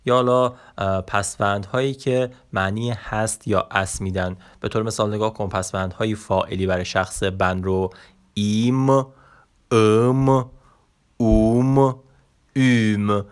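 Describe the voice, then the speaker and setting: A man teaching an online language lesson, explaining slowly with many hesitation sounds. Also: lowish voice, steady tone, a bit bright.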